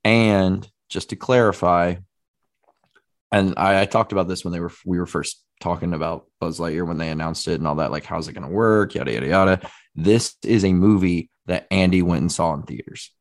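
Brief: male co-host, very low voice, eager casual talk full of fillers. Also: fairly even intonation, brisk. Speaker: podcast co-host. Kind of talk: casual chat.

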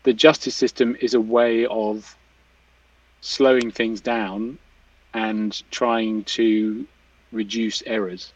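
A man explains things in a casual, thoughtful way, frequently restarting and rephrasing. His fairly low voice has little pitch movement and a slow pace, recorded dry with no room sound on a distant mic that sounds slightly dull.

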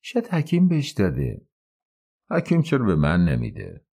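A man's voice: deep voice, huge pitch swings, creaky, mellow, slightly rough, full character voice. A male narrator voicing a bitter, resentful young man with a lame leg, in an audiobook reading. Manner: brooding, bitter complaints.

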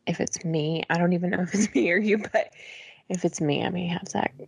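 A woman's voice: lowish voice, a little fast, creaky, a little mellow, husky, no echo. A young woman co-hosting a podcast in easygoing casual chat, laughing often and keeping the show moving. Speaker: podcast co-host.

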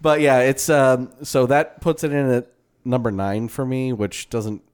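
A man's voice: mid-range voice, steady tone, unhurried, a little mellow, clear, resonant tone. A man co-hosting a podcast, chatting casually with hesitant fillers and laughs. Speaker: podcast co-host. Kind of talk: casual chat.

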